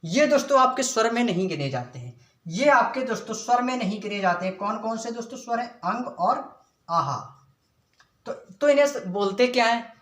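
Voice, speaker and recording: A man's voice: very high voice, lively intonation, brisk, fairly bright tone, echoey room. A male teacher giving an exam-prep lesson, asking the class a question and then answering it himself, calling his viewers friends again and again.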